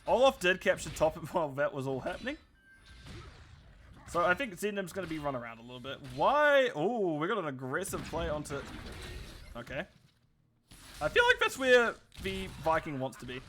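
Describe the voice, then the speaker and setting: A man calls a live esports match in a bright, forceful voice that sits a little high for a man. He is chatty and excitable, with quick laughs between calls, over a faint hiss behind him. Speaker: esports caster. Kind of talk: live play-by-play commentary.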